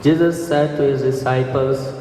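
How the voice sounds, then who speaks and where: Priest with heavy cathedral echo. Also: male voice, fairly even intonation, warm tone, faint music behind. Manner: slow, measured proclamation. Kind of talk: liturgical gospel reading. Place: large church interior. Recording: echoey church from far off, faint rumble.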